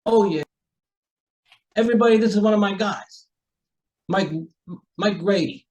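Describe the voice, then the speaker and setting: A man playing a folksy, rambling homicide sergeant in a radio mystery, chatty, halting and courteous. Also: high voice, a little mellow. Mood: affable, probing. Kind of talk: amateur radio mystery acting.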